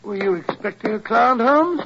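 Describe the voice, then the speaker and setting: An actor playing a genial, bumbling elderly British doctor who stammers and repeats himself, in 1940s radio style. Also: male voice, very high voice, animated, moderate pace, vocal fry, noisy background, full character voice. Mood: puzzled, fussy. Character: elderly genial doctor telling tales of his detective friend. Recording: muffled old radio recording.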